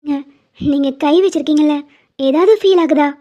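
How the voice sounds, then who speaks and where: A woman voicing a playful, teasing pregnant young wife in an animated cartoon. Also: sits high, normal speed, muffled recording, close to an everyday voice. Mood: affectionate. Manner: teasing, bossy, affectionate.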